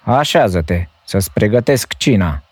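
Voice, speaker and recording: A man's voice: fairly low pitch, very animated, a little mellow, no echo, pitched above the performer's own voice. A man voicing the giant's wife, a huge, stern woman who turns kindly, in a storybook reading. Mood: hushed warning. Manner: gruff then kindly warning.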